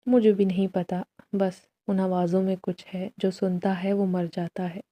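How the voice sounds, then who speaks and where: A woman voicing a weary, secretive poor mother in a storybook tale, speaking in a soft, resigned, warning way. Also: mid-range voice, level tone, lightly acted.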